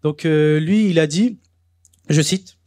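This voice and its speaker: A man's voice: a little high, slow pace, a little mellow, no echo, studio quality. A young man hosting a talk event, speaking casually with frequent hesitations. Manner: chatty, hesitant, with many fillers. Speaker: event host. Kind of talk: presentation to a live audience.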